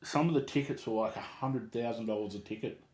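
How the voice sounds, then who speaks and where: A man's voice: fairly low pitch, fast talker, a little mellow. An Australian man co-hosting a casual chat, telling stories in a blokey, sweary, slangy way. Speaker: podcast co-host telling a gripe. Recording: roomy, echoey sound.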